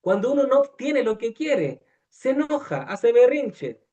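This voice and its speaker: A man with a very high, warm voice preaches a conversational sermon at a measured pace, very animated throughout. He is full of hesitations, fillers and restarts, often questions his listeners, and acts out quoted voices.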